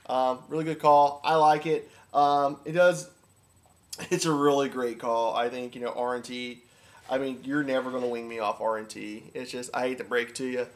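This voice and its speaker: A man's voice: medium pitch, level tone, normal speed. A man giving a casual, enthusiastic how-to talk in an informal, repetitive way, as an instructor. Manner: informal, repetitive, enthusiastic about his subject. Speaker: duck calling instructor.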